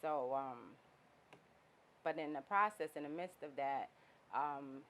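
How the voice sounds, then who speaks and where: Low voiced new woman, guest on a podcast, calm, lots of ums. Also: rough recording. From Jamaica, Queens, New York. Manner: composed, measured, many ums. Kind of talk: casual interview. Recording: faint background noise.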